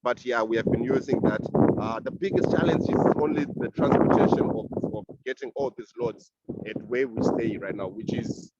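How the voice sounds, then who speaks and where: A man's voice: medium pitch, heavy background noise. Man talking over a phone call. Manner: halting, repeats words and restarts. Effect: heard over a phone call. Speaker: community compost project organizer. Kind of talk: casual panel contribution. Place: outdoors. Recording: dull, dry phone audio.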